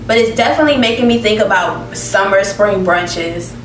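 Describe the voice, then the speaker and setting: This beauty vlogger, a young woman, casually reviews perfumes on camera indoors in a living room with plants, expressively reading descriptions aloud and reacting with laughs. Her mid-range voice moves at normal speed. The mic is distant and set back, picking up roomy echo, background noise and music behind her.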